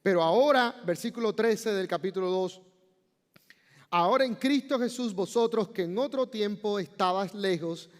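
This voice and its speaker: A male pastor preaching a sermon, building from calm explanation to emphatic, slowed outbursts. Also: high-pitched. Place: church sanctuary. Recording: long church reverb.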